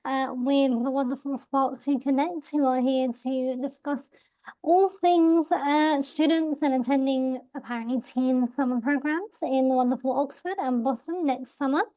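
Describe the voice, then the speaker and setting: A woman's voice: sits high, steady tone, a little slow, dark tone, dry recording. A woman hosting a webinar, welcoming the audience in an upbeat way with a few fillers. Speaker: webinar host. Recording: dry, slightly dull video-call audio.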